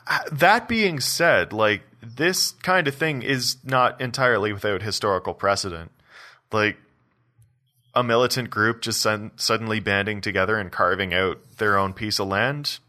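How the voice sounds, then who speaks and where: Man, podcast co-host, low voice, sharp bright tone, wry and joking. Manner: wry and joking, quick asides. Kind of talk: casual podcast chat.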